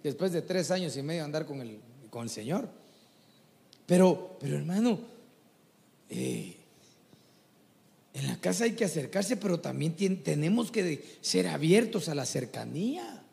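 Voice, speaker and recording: A man preaching a folksy, animated sermon to a church congregation. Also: on the high side, unhurried, creaky, pauses often, in a large hall. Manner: animated, folksy, mimics people he talks about.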